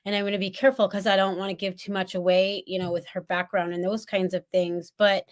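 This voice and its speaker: A woman hosting a casual book chat, enthusiastic and quick to laugh. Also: medium pitch, little pitch movement. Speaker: book podcast host.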